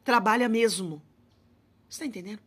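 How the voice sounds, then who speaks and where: A woman's voice: mid-range voice, a little fast, breathy edge. A woman missionary preaching a fervent sermon, speaking straight to her listeners and calling them sister. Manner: rising to shouted prayer.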